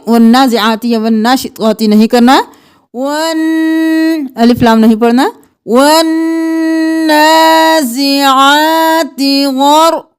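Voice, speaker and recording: A woman teaching Quran pronunciation, reciting verses slowly and then explaining the correct sounds in quick asides. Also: high voice, smooth. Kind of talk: tajweed lesson with slow recitation.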